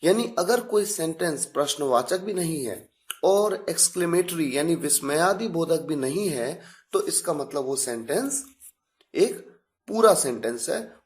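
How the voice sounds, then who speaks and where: A man with an Indian accent teaching a slow explanatory English lesson, spelling out examples slowly. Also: a little high.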